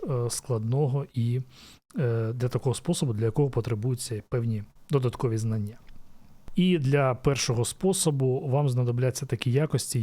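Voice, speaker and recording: Guy teaching font stuff, warm low-key voice, lots of uh pauses. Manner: thoughtful, many "e" fillers and restarts. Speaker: design educator. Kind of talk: casual spoken explainer lesson.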